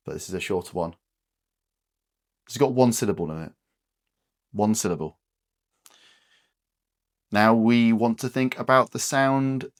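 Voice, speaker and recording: A male speech therapist guides a therapy exercise in a slow, patient, encouraging manner, pausing after each prompt to leave room. His voice sits fairly low. The recording is close and dry, with no echo or room sound.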